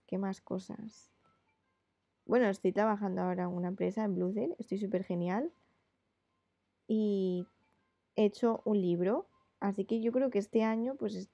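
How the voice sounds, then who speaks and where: Chatty woman with a gravelly voice. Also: mid-range voice, warm tone, no room sound, lo-fi sound. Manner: chatty, rambling with many fillers. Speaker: illustrator. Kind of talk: casual chat while drawing live.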